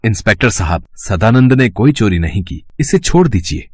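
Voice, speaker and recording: A man voicing characters in a devotional cartoon, switching between roles with a lively delivery. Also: on the low side, normal speed, dry recording. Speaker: voice actor for many characters. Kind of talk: cartoon voice acting. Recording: voice-over with faint background music.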